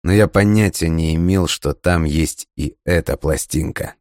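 A man narrating a story in the first person with a steady, measured delivery. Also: rumbling low, no room sound, studio quality. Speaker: audiobook narrator.

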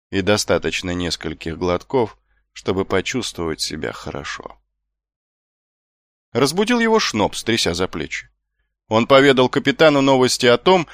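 Expressive male audiobook narrator. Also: medium pitch, dry recording. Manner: expressive storytelling. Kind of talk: scripted narration. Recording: dry close audiobook with faint music.

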